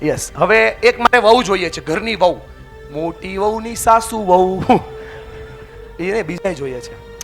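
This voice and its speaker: A man giving a motivational speech to a live audience, energetic and calling out to the crowd for answers and chants. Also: high voice, a little slow, music in the background. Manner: leads the audience in loud chants. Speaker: motivational speaker. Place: large event hall with an audience.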